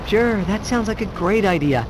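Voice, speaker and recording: A man's voice: sits high, expressive, moderate pace, background noise. A man playing a wisecracking, anxious teenage superhero in a video game, sarcastic and quippy. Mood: sarcastic, nervous. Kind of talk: video game cutscene acting. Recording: loud music over the voice.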